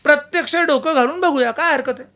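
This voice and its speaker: Storyteller playing a stubborn village priest, fussy and sure of himself; high, bright voice. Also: male voice, fairly quick, heavily acted. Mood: fussy, insistent. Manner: exclaiming, self-assured, fretful.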